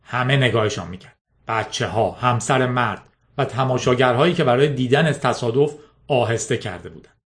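A man narrating a story aloud in a steady, measured reading. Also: medium pitch. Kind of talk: scripted audiobook narration.

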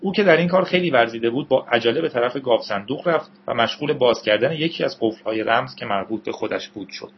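A man narrating an audiobook in a measured, even storytelling manner. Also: mid-range voice, a little hiss or hum. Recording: dull lo-fi recording.

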